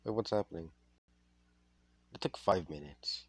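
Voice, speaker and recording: A man's voice: deep voice, unhurried, no room sound. A tired young man giving casual gameplay commentary, reading the on-screen dialogue aloud and stumbling over his words in a drowsy mumble. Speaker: let's play gamer.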